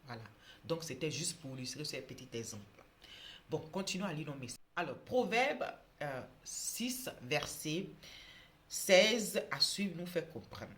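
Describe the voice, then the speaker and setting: Woman, deep low register, informal preacher; halting delivery, leans hard on scripture lines. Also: animated, fairly bright tone. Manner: hesitant, with many fillers and restarts, emphatic when reading verses. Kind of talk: informal sermon reading Bible verses.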